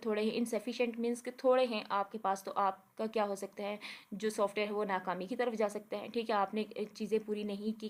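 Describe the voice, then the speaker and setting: A woman giving a recorded lecture over a shared page. She explains step by step, often checking with "theek hai", and reads English lines slowly word by word. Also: on the high side. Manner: explains with repeated "theek hai" and Urdu-leaning words.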